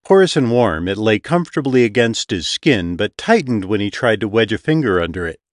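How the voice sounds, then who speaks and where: A man narrating a fantasy audiobook in a measured storytelling manner. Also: on the low side, very animated, no echo, clean studio sound.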